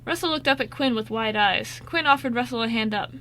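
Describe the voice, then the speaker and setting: Reading from a script, a woman narrates an amateur radio play with expression. Her voice is forward, very bright, and set a little high, and she reads briskly over a slight hiss or hum.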